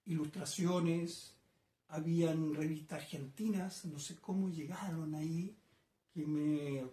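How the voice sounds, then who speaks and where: A man's voice: fairly high pitch, darkish tone. Older Chilean man reminiscing in an echoey workshop. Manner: reflective, unhurried, frequent hesitations and tag questions. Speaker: painter being interviewed. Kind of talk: casual reminiscing interview. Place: his home painting workshop.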